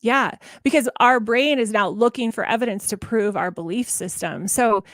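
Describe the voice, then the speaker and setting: A woman speaking as a parenting coach in a casual podcast interview, talking in animated bursts with many restarts, and acting out the voices of parents and children. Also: fairly high pitch, normal speed, dry recording, studio quality.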